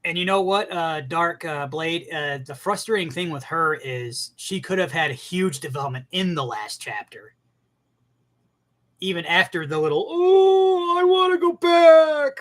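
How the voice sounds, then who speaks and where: Male anime commentator with a high voice, brash and excitable. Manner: animated and profane, bursting into shouts. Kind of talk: casual opinion rant.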